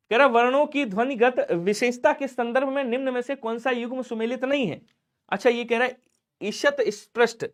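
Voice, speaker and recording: A young man with a high-pitched voice runs a live online exam-prep class. He talks in a lively, coaxing way, firing questions at his students and acting out their answers. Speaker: Hindi teacher.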